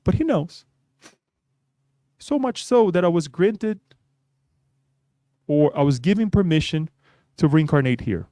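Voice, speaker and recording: Middle-aged guy giving a spiritist talk, keeps saying "right?", mellow voice, dry sound. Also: a little high, animated, measured pace, pauses often, no room sound. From Brazil. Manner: conversational, often adds "right?". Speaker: spiritist speaker. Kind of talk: religious talk.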